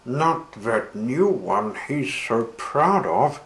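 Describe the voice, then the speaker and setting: A man voicing a calm, easygoing train driver in a storybook reading. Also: medium pitch, extremely slow, heavily acted. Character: calm steady male engine driver. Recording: roomy with faint hiss.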